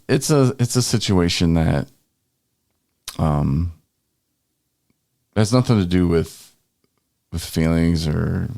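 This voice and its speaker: A man's voice: deep voice, gravelly, a little mellow, dry recording, clean studio sound. A man co-hosting a podcast in casual, rambling conversation. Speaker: podcast host. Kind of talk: casual chat.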